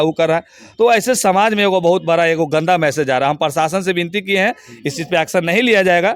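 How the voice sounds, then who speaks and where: A man's voice: a little high, smooth, no room sound. A man giving an interview, speaking in a heated, emphatic and abusive way. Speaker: interview guest. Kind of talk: heated, crude complaint.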